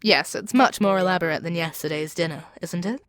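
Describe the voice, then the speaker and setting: In an ASMR audio roleplay, a woman plays a proud, seductive demon queen brainwashing her captive hero, sounding imperious, persuasive and theatrical as she commands and taunts. Her voice is on the low side and a bit bright, a little fast, lightly acted and recorded dry.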